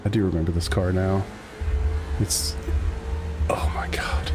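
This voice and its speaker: A man's voice: sits low, little pitch movement, unhurried, whispered, over music. Laid-back man chatting on a racing stream. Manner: laid-back, rambling, answers chat. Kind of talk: casual live-stream chat while racing.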